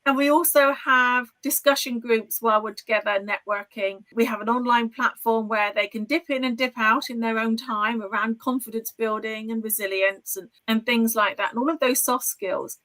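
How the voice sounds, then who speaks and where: A woman guest in an interview, explaining her work in a steady, emphatic way. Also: fairly high pitch, normal speed, hardly any pauses. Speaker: guest, sports leader. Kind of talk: interview conversation.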